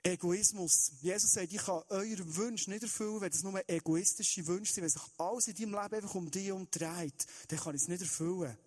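A man's voice: sits high, brisk, hardly any pauses, a little mellow. A man, preaching an Easter sermon in an earnest way and speaking straight to his listeners. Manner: earnest, direct address to listeners, shifting pace.

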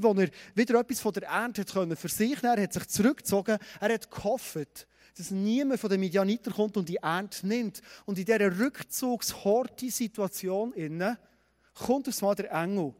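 A man's voice: high voice, normal speed, darkish tone. A man preaching a sermon, retelling a story and asking the congregation direct questions. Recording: long hall reverb.

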